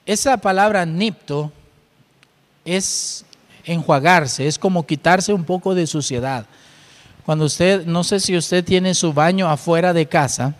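A man's voice: fairly high pitch, long reverb tail. A man preaching a sermon, explaining scripture and asking his listeners rhetorical questions.

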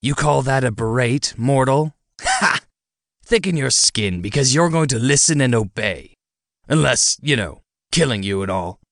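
A man voicing a tiny, smug, bat-winged male demon who mocks and threatens in a quick, lowered voice. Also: animated, no room sound, clean studio sound, close to an everyday voice. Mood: mocking. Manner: mocking, quick, menacing.

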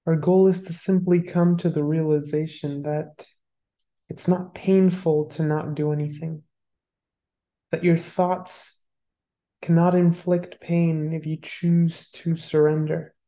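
A meditation guide talks listeners through a session in a calm, mellow voice. The delivery is very slow and hardly rises or falls, with long pauses between phrases. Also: mid-range voice.

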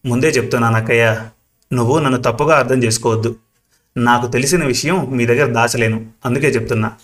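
Man reading hesitant confiding middle-aged woman, mid pitch, plain reading voice. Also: steady tone, fast, a bit bright, natural voice.

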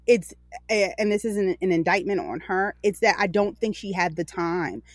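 A woman's voice: medium pitch, normal speed, dry recording. A woman in her forties co-hosting a podcast, chatting casually in a candid, rambling way that often corrects itself. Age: 40s. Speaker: podcast co-host. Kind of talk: casual chat.

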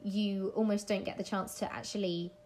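A woman co-hosting a podcast in easygoing conversation. She speaks slowly and reflectively, and she likes to linger over words she enjoys. Her pitch sits in an ordinary middle range. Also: level tone, a little mellow, a little hiss or hum. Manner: slow, reflective, plays with words. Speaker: podcast co-host. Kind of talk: casual chat.

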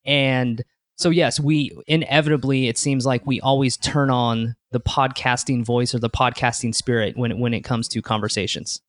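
A man's voice: mid-range voice, fairly even intonation, normal speed, dry recording. A man answering interview questions about his podcast in an earnest, upbeat way, often restarting his sentences. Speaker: podcast co-host, interview guest.

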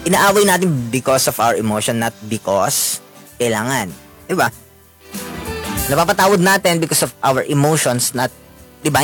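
A man with a Filipino accent giving casual relationship advice, mixing Tagalog and English and ending lines with questioning asides. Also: mid-range voice.

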